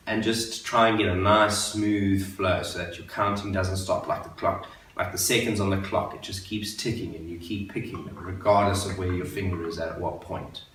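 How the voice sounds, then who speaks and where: A guitar teacher with a fairly low, fairly bright voice leads beginners through a patient, step-by-step lesson, counting beats and repeating each step slowly. He sounds a bit far from the mic in a very echoey room, with guitar playing.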